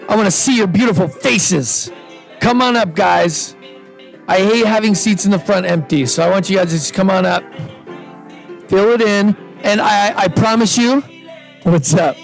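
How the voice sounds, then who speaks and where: Holding a handheld microphone, a man who is an event host and investor emcees a live pitch event for an audience indoors. He talks casually, chatty and upbeat, with loose restarts and vocal fry, and the audio quality is poor.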